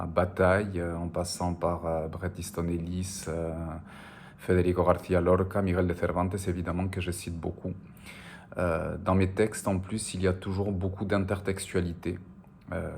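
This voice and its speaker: There's a faint hiss or hum under this deep, creaky, dark-toned male voice. He's a writer from the border area of the French Basque Country, a native Spanish speaker, talking through interview questions about his writing hesitantly and thoughtfully, often using fillers and saying words twice.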